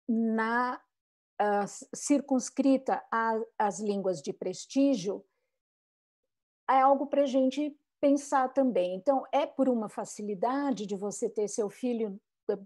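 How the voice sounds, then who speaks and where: A woman gives a reflective online talk on bilingual education, filled with rhetorical questions and tag questions, especially frequent "né?" tags, along with restarts. Her voice is a little high with a dark tone.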